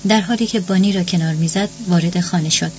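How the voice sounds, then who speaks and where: Woman narrating with a low voice. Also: a little mellow, faint music behind. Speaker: audiobook narrator. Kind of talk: scripted narration. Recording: dull lo-fi audio with hiss.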